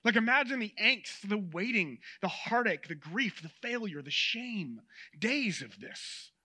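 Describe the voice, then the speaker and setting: Male preacher, sermon delivery, very high and bright voice, chatty and animated with the congregation. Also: measured pace. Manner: conversational and animated, addresses the audience directly.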